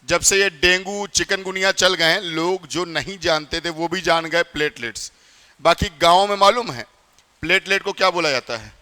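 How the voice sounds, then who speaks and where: A man with a high, bright voice lectures a classroom in north Indian Hindi, chatty and quick to quiz his students. His voice rings with the long reverb of a hall. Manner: chatty, quizzes students often. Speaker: teacher.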